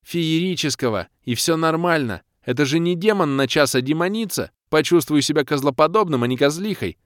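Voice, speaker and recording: A man voicing a flustered, embarrassed male healer who squeaks and pleads to justify himself. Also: lively intonation, brisk, no room sound, studio quality, natural voice.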